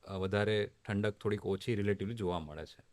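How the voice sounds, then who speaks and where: Relaxed Gujarati-accented doctor. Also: male voice, fairly low pitch, a little fast. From Ahmedabad, India. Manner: relaxed, mixes English phrases, light laughter. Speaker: oncologist guest. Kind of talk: conversational interview.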